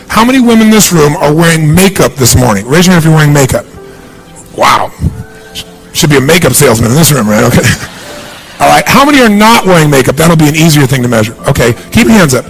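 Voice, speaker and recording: A middle-aged man giving a punchy, energetic seminar speech to a large audience in a big hall, asking the crowd questions. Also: a little high, fast talker, gravelly, soft background music. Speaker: motivational speaker.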